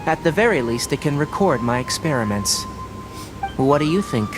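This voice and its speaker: A man's voice: fairly high pitch, lively intonation, normal speed, lightly acted, low-quality recording. Game role: young male forest watcher and scholar, played by a man. Reserved, matter-of-fact, articulate, earnest delivery over background music. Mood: measured, matter-of-fact. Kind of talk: scripted video game voice acting. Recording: game audio with music behind.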